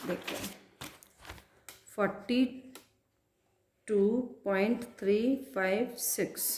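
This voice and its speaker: Lady maths teacher, slow patient counting, echoey classroom sound. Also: mid-range voice, steady tone, slight background noise. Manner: slow and patient, counting aloud and asking pupils questions. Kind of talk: classroom math lesson, writing as she explains.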